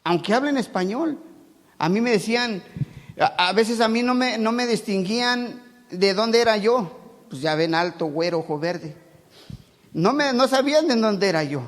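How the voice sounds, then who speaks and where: A man from Mexico City with a Mexico City Spanish accent, preaching a sermon and moving between loud preaching and quiet conversational asides. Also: sits high, expressive, normal speed, big-room sound. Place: church hall.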